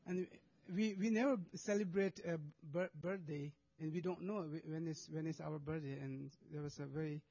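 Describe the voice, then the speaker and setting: Showing a video to an audience, a man from a monastic community describes charity work in hesitant English that isn't his first language, often restarting words and filling pauses. He has a mellow, slightly high voice and keeps a steady tone, captured on slightly dull, lo-fi audio.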